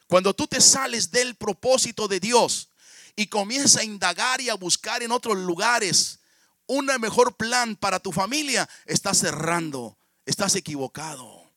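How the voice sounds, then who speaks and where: A man's voice: high-pitched, a little slow, bright, forceful tone, no room sound. Mexican preacher guy in his 50s, sermon w/ lots of storytelling, dry close sound. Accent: Mexican Spanish. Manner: storytelling, often calls out to the congregation.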